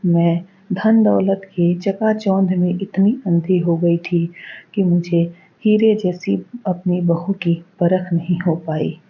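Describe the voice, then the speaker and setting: A woman's voice: on the low side, steady tone, slow pace, husky, heavily acted. A woman voicing an older mother-in-law in a cartoon story, commanding and emphatic, in a dull lo-fi recording. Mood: remorseful. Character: older mother-in-law, stern then tender.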